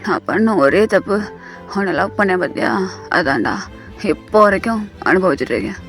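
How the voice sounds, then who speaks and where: A woman voicing a cocky, possessive young man who speaks low and firm in a storybook reading. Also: sing-song, moderate pace, soft background music. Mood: bitter.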